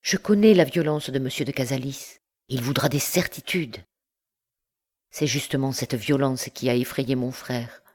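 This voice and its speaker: A woman's voice: rumbling low, normal speed, darkish tone. A woman reading an audiobook, voicing an anguished, upright young man who pleads earnestly. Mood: urgent.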